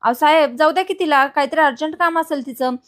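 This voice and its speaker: A woman's voice: high-pitched, fast, natural voice. A woman voicing a worried male driver who pleads with his boss. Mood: pleading.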